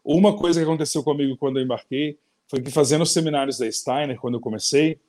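A man with a Brazilian Portuguese accent hosting a casual interview, lively and laughing, talking straight to viewers. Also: on the high side, fast talker. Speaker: interview host.

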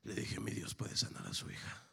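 A man preaching a sermon as a pastor, telling a story with dialogue, swinging between loud shouting and a hushed whisper. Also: a little fast.

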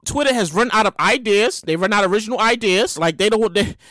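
A woman in her thirties ranting casually on her own, animated and exclamatory, swearing freely and repeating words as she builds up steam. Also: medium pitch, fast talker, dry recording, studio quality. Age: 30s. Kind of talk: casual rant monologue.

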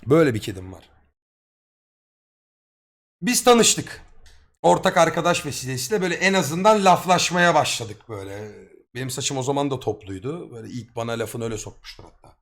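A young man streaming and telling a story to his live chat in a casual, slangy and excitable way, swearing freely as he goes. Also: mid-range voice, fairly quick.

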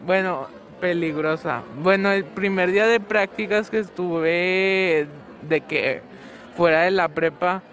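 A teenage boy with a notably high voice answers interview questions outdoors at his school. He rambles casually, full of fillers, and gets animated when he tells a story. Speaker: student interviewee. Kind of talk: casual chat.

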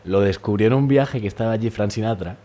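A man co-hosting a comedy podcast, improvising absurd explanations in a relaxed, joking way. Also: lowish voice, quick pace. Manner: improvises absurd made-up definitions. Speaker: podcast co-host. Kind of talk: casual comedic chat.

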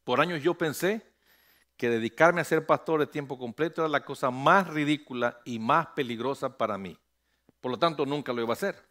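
A man's voice: mid-range voice, a little fast, a bit bright. A middle-aged man, a pastor preaching a sermon, calling on the congregation to repeat after him and rising to emphatic peaks.

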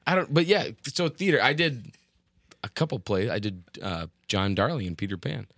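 A man's voice: medium pitch, animated, moderate pace, a bit bright, dry recording. A man co-hosting a podcast in casual chat, joking and telling rambling stories with frequent laughter. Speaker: podcast co-host.

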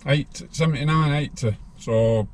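A man's voice: on the high side, measured pace, slight background noise. A man, telling his life story bluntly as an interview guest. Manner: rambling, blunt, laughs while telling.

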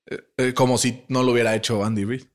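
A man with a Mexican accent, co-hosting a casual sports podcast, slangy and animated with many fillers. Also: mid-range voice, quick pace. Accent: Mexican Spanish. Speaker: podcast co-host.

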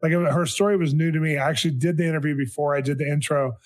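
A man hosting a faith podcast, talking with excitement and gushing praise about his guest. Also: on the high side, quick pace. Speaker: podcast host. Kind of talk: enthusiastic interview and intro.

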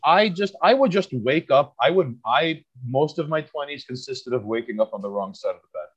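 Queens man in his thirties, mid-pitched, rambling profane podcast guest, slightly muffled lo-fi audio. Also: expressive, moderate pace, husky. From Queens, New York. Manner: rambling, profane storytelling with stammered restarts. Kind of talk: casual podcast chat.

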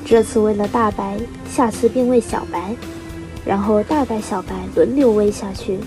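A teenage girl reading a children's story aloud, steady and expressive, as a student reader. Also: mid-range voice, moderate pace, over music, low-quality recording. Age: teens. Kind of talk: storybook narration.

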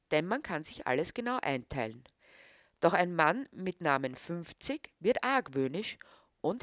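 A woman giving a scripted literary introduction and reading aloud, expressive and engaged. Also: low-pitched, no room sound, clean studio sound. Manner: expressive, recommending tone. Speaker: literary reader.

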